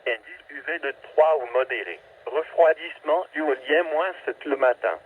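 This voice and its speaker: A slightly rough synthetic male voice, on the high side and moderately paced, delivers scripted weather forecasts. The clipped, impersonal phrasing comes through a narrowband, staticky weather radio with a transmission effect.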